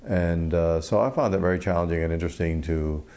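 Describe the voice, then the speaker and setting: An older man with a very deep, gravelly yet warm voice talks a little fast. Born in Cuba, he came to the US as a child and grew up in Miami, and as a poet and art critic he gives reflective interview talk and reads poetry.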